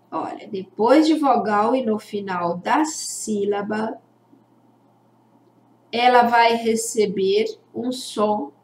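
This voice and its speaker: A woman teacher giving a children's literacy lesson, drawing out syllables slowly and deliberately. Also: a little high. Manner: slow, deliberate, stretches out syllables for young learners. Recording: echoey room.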